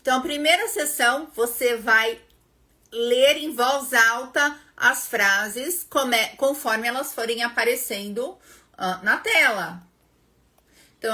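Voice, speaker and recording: A young Brazilian woman, an English teacher and live-stream host, runs a casual live lesson explaining an exam and chatting with viewers by name. Her voice is on the high side, bright and forceful, with a Brazilian Portuguese accent.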